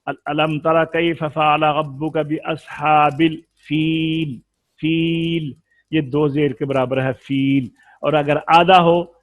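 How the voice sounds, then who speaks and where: A man's voice: on the high side, no room sound. A man teaching Quran recitation in an explanatory lesson, patiently drawing out vowel sounds to demonstrate them.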